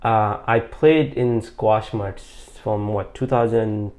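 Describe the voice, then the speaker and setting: Speaking slowly in a fairly low, steady, somewhat mellow voice, this late-twenties man from Bangladesh is a squash coach giving an interview. He tells his story in a meandering way, with plenty of fillers and false starts.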